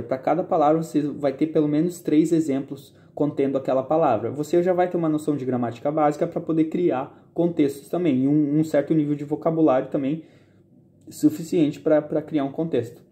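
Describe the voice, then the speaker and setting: A man's voice: on the high side, dark tone. A young man in his twenties from southern Brazil, explaining study tips in a casual vlog and often checking in with his viewers. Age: 20s. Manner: chatty, often checks in with listeners. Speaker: university student sharing study tips.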